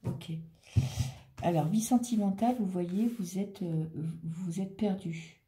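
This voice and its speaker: A woman's voice: fairly low pitch, slow, echoey room, noisy background. A woman reading tarot cards in a chatty, reassuring way, thinking aloud as she turns them. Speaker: tarot reader. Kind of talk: casual tarot reading monologue.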